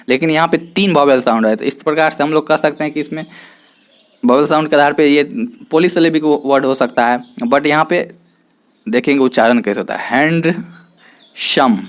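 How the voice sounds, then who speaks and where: A male teacher explaining an English lesson in Hindi. He often asks a question and answers it himself. He also says each example word slowly several times. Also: mid-range voice. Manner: mixes English terms into Hindi.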